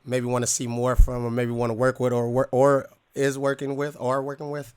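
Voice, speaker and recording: A man hosting a podcast, talking in a loose, slangy, excitable way and laughing often. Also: mid-range voice, fairly quick, smooth, no echo. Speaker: podcast host. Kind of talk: casual interview chat.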